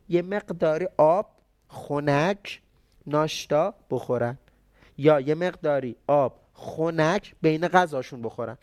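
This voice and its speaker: A man giving an explanatory talk on traditional medicine, speaking conversationally and answering his own rhetorical questions. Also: fairly high pitch.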